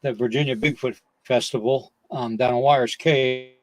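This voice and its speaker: An older man chats casually as a podcast host at an average male pitch. His delivery is folksy and rambling, with a slight shortness of breath. The sound is dry, with very little room. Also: steady tone, normal speed, no echo, rough recording. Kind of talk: casual chat.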